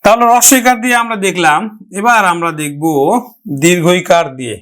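A man with a Bangladeshi Bengali accent teaching a grammar lesson, addressing his students directly and slowly repeating each example word. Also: sits high, expressive, fairly bright tone. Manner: slow, drawn-out repetition of example words.

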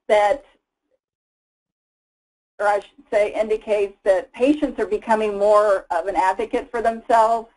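A woman's voice: mid-range voice, darkish tone, poor audio. Woman presenting a slide webinar. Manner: casual, explanatory, frequent fillers. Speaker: product presenter. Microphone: voice-over for slides.

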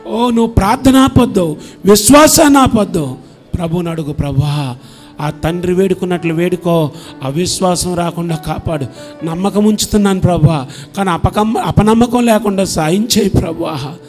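A pastor from India preaching and leading prayer, moving from soft, murmured urging to loud, impassioned pleading. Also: male voice, sits high, normal speed, soft background music. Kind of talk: sermon with altar call and prayer. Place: church sanctuary.

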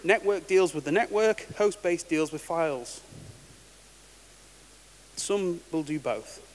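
A man's voice: fairly high pitch, slow. A man giving a technical conference talk, casual and wry, often restarting words. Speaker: conference speaker. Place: large conference hall. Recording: reverberant hall with faint hiss.

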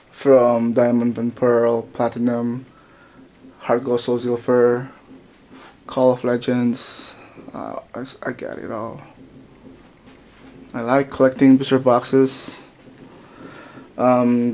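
A man giving a casual narrated tour of his indoor collection room, talking haltingly with many fillers and restarts into a handheld camera mic. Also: mid-range voice, a little mellow.

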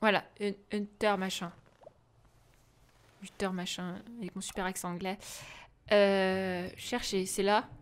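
A woman casually commenting on a video game, chatting and reading the dialogue aloud with quick asides. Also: mid-range voice, little pitch movement, clean tone. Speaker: let's play gamer.

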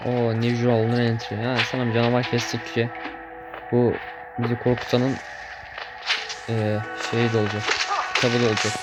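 A man's voice: mid-range voice, monotone, moderate pace, long pauses. Chatty young man commenting on a game. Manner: chatty, easily startled, swears and jokes at the game. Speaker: gameplay streamer. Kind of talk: casual gameplay commentary. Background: game music.

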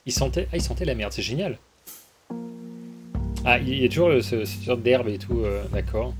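At normal speed and in a mid-range voice, a man casually reads game dialogue aloud while streaming, breaking in with amused asides. The let's-play commentary comes through a basic microphone with faint background music.

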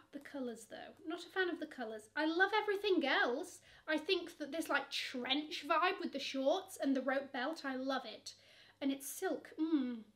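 High-voiced and unhurried, with a slightly bright quality, this young woman from England is a fashion vlogger. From her camera seat in a bedroom with shelves of shoes, she chats through luxury online shopping, sassy and effusive, and calls the bags "she."

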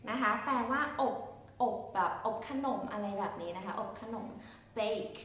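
This woman has a mid-range, fairly bright voice and a Thai accent, and she teaches English phonics to young children. She goes slowly, spelling each word out letter by letter. She sounds far from the mic in an echoey room, with a faint hiss.

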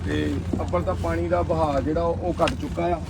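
High-voiced man coaxing children onto a boat. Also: steady tone, gravelly. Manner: coaxing, gentle with children, brisk with helpers. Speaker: flood rescue volunteer. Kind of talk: shouted directions and soothing children during a rescue. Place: outdoors on a boat in floodwater. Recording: noisy outdoor rescue with boat and water sounds.

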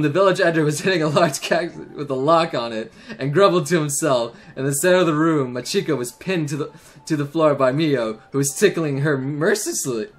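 A man hosting a let's play, reading a visual novel aloud and reacting with excitable, giggly asides and self-corrections. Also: fairly high pitch.

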